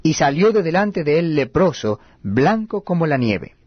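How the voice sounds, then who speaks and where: A man reading scripture aloud at a steady, measured cadence. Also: on the high side, no echo, lo-fi sound. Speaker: Bible reader.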